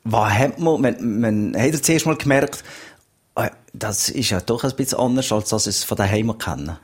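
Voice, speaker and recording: A man with an Upper Valais Swiss German accent hosts a relaxed radio conversation, asking his guest short, leading questions. His voice sits fairly low and has a husky edge. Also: normal speed. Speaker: radio host. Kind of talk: conversational interview.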